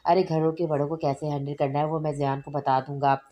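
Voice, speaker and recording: A woman's voice: low-pitched, level tone, brisk, mellow, lightly acted. A woman reading aloud voicing a confident, scheming uncle in a novel. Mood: assured.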